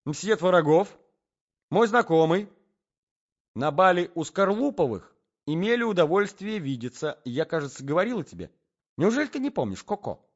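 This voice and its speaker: Brief: male reader putting on a fluttery young society wife, high and breathless, lively swings, muffled lo-fi audiobook. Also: normal speed. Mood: gushing. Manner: breathless, gushing, high and flighty. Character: flustered, chattering society lady, young wife. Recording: dull lo-fi audiobook recording.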